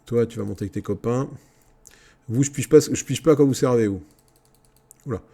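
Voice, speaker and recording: Gaming YouTuber, male, mellow and a bit gravelly, chatty, bossing his units around. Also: mid-range voice, brisk. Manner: talks to his troops, excitable outbursts. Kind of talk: casual Let's Play commentary.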